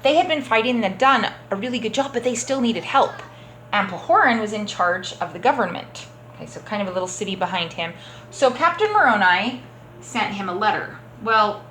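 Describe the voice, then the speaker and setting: A woman teaching a children's church class, telling a story gently and often checking in with the kids. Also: medium pitch, a little hiss or hum, poor audio. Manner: gentle, encouraging, checks in with "okay?".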